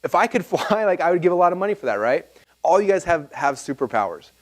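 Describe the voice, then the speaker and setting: Fast-talking man giving a seminar talk. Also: high-pitched. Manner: rambling, animated storytelling with many fillers and restarts. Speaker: marketing seminar speaker. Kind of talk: live seminar talk to an audience.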